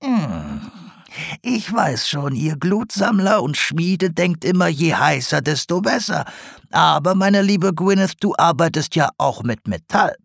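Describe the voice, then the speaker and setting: A man's voice: on the high side, big pitch swings, measured pace, vocal fry, dry recording, studio quality, pitched above the performer's own voice, heavily acted. A man reading an audiobook, voicing a sly female swamp creature potter who talks in a teasing, knowing way. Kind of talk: audiobook character voice.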